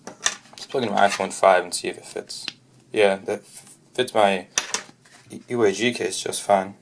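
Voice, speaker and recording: A man's voice: lowish voice, steady tone, vocal fry, background noise. A man narrating an unscripted product review off the cuff, often stopping to restart and correct himself mid-sentence. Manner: halting, frequent restarts and self-corrections.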